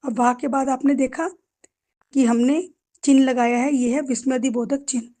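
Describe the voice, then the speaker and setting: Woman teacher with a high but mellow voice, asks the kids questions then answers them herself. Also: fairly even intonation, moderate pace. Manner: addresses students affectionately as children. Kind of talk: Hindi grammar lesson for students.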